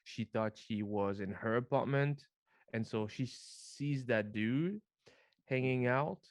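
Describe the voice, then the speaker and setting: Eager man chiming in on a podcast. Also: medium pitch. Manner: eager, jumps in with quick questions. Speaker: podcast co-host. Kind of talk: casual chat.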